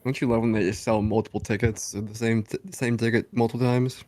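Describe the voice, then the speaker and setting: A man's voice: mid-range voice, flat delivery, brisk, darkish tone, no room sound. A man co-hosting a podcast, chiming in with short casual reactions and questions. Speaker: podcast co-host. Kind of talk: casual chat.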